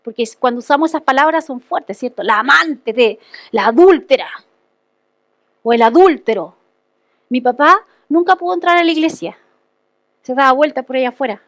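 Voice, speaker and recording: A woman's voice: high-pitched, animated, moderate pace, pauses often, fairly bright tone, dry recording. A woman pastor giving a conversational testimony sermon, telling a personal story and often checking in with the congregation.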